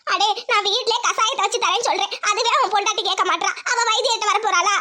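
High, bright cartoon granny, scolding, nagging, voiced by a woman. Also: quick pace. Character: bossy scolding old village grandmother. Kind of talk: cartoon voice acting.

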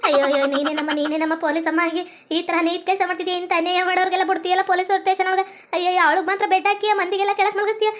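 A woman's voice: extremely high pitch, steady tone, racing, hardly any pauses, a bit bright, slight background noise. A woman playing a dramatic village woman with a North Karnataka accent, wailing and scolding as she cries for help. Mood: panicked. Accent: North Karnataka Kannada. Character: loud, dramatic village woman locked in a cell.

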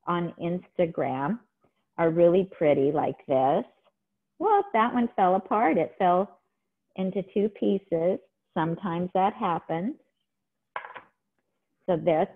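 Chatty woman on a tinny call. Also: lowish voice. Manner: chatty, enthusiastic. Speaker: cooking demonstrator. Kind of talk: casual cooking demo. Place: home kitchen. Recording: tinny phone-like video call audio.

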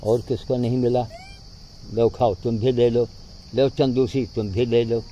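A man's voice: medium pitch, steady tone, unhurried, warm tone, dull audio, slight background noise. A man talking casually outdoors while feeding monkeys, coaxing them with repeated calls. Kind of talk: casual outdoor vlog chat.

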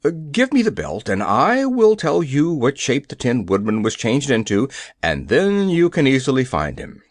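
A man's voice: mid-range voice, huge pitch swings, moderate pace, no echo, clean studio sound. A man doing a wheedling, fearful gnome king. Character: cunning then fearful male underground king.

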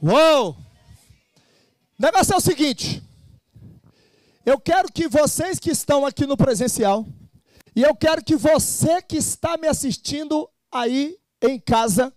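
A man's voice: very high voice, unhurried, darkish tone, dry recording. A man hosting a live motivational seminar, energetically urging the crowd to call out and repeat phrases. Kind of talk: live seminar pep talk.

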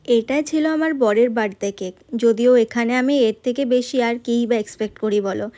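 Fairly quick and a little high, with a mellow quality, a woman voices over her road trip vlog. She chats directly to her viewers, tagging her sentences with questions.

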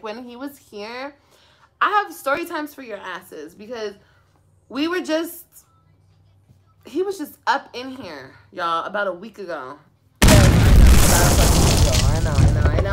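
A woman's voice: fairly high pitch, fairly bright tone. A young woman venting a profane, sarcastic story to her live stream viewers.

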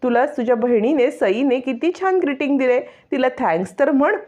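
A woman's voice: high voice, lively intonation, normal speed, darkish tone, pitched above the performer's own voice. A woman voicing a scheming young woman who sweet-talks a boy into making a call. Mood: coaxing. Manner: coaxing, sweet-talking.

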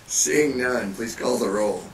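A man's voice: mid-range voice, slow. Man chairing a public board meeting. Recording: distant mic, echoey room, audience noise.

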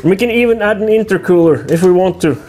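A man hosting a workshop vlog, explaining things to camera in a measured, casual way. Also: high voice, expressive, darkish tone. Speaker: host of a workshop build vlog. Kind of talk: casual scripted narration to camera. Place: workshop room, indoors. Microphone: lapel mic. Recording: music behind the voice.

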